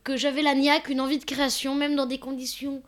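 Young woman, podcast host, playful banter, slightly high voice. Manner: playful, animated, quick asides. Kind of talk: casual podcast chat.

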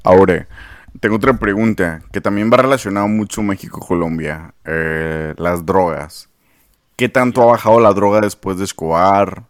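A man's voice: low-pitched, moderate pace, no room sound, studio quality. A man hosting a podcast, asking his guests questions in casual conversation. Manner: inquisitive, asks questions. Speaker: podcast host.

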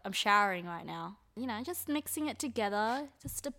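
A woman co-hosting a casual chat whose dry delivery sounds sarcastic even when she is sincere. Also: medium pitch, a little fast. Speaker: podcast co-host.

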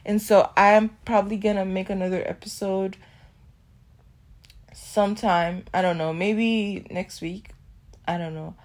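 A woman's voice: medium pitch, steady tone, a little slow. A young woman hosting her own podcast, rambling and self-deprecating in a casual solo chat, often laughing and trailing off. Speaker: podcast host. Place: at home.

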